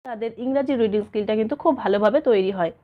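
A woman's voice: on the high side, rapid-fire, narrow, tinny audio. A woman teacher explaining in a casual video, asking and answering her own questions and sounding out letter sounds. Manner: sounds out letter sounds in a sing-song. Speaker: teacher giving tips.

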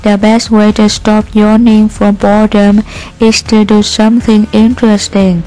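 A woman reading the part of a patient adult schoolteacher, explaining calmly in a slow, steady read with hesitant fillers. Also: medium pitch, natural voice, poor audio.

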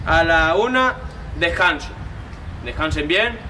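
A man as a high-voiced young drill sergeant. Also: animated, slow, noisy background. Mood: stern, instructing. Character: young drill sergeant, bossy but encouraging. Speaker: squad trainer. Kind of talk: acted short-film dialogue.

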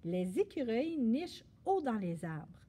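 A woman voicing a sensible, patient big sister in a storybook reading, calm and a little weary. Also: a little high, unhurried, breathy edge, full character voice. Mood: reading aloud.

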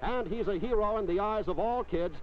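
A middle-aged American man hosts a 1950s sports newsreel, reading scripted narration in a formal announcer style. His voice sits high and moves fairly quickly. The vintage film soundtrack sounds dull, with music playing behind him.

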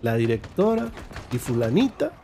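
Gravelly Mexican man telling a story. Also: medium pitch, very animated, moderate pace, warm tone. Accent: Mexican Spanish. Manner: slangy, casual, swearing, rambling. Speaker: vlogger. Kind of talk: storytime vlog narration.

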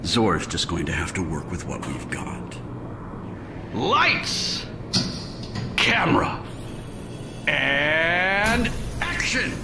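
An actor playing a vain, smug villain in a video game, monologuing with slow theatrical menace. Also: male voice, mid-range voice, wildly swooping pitch, creaky, heavy background noise, exaggerated voice. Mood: smug, dismissive.

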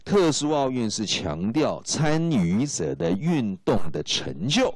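A man's voice: medium pitch, big pitch swings, slow, a little mellow, dry recording. A man teaching English to exam students, explaining in Mandarin with English phrases and often checking if students follow. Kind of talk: exam-prep lecture.

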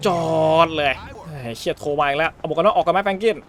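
A man with a high voice narrating his game play in a loose, joking way. He swears constantly and reads the characters' lines himself as he plays. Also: very fast, fairly bright tone. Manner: crude, joking, heavy swearing; dubs game dialogue in his own voice. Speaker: gaming YouTuber. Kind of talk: let's-play commentary.

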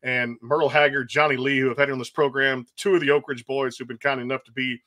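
A man's voice: mid-range voice, little pitch movement, fast, sharp tone. A man hosting an interview, asking rambling questions with plenty of fillers. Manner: rambling, with many fillers and back-channel mm-hmms. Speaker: host.

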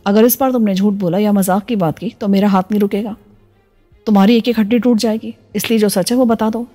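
A woman's voice: medium pitch, steady tone, brisk, dark tone, soft background music, close to an everyday voice. A woman voicing a brutal, menacing male security chief in a storybook reading, growling her threats.

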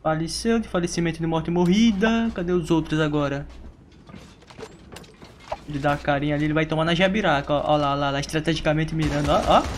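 A man's voice: on the high side, fairly even intonation, a little fast, background noise. A man giving chatty, teasing live commentary over his own gameplay, laughing often. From Brazil. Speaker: gaming YouTuber.

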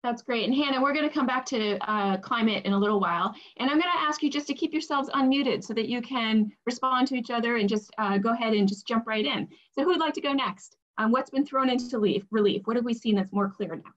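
A woman's voice: fairly high pitch, quick pace, few pauses, fairly bright tone. A woman in her forties moderating a panel over a video call, upbeat and inviting. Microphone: laptop webcam mic. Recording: dull lo-fi video call audio.

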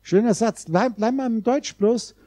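A man giving a seminar lecture to a live audience, explaining step by step, speaking straight to his listeners and sometimes drawing out vowel sounds slowly. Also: very high-pitched, dark tone, no echo.

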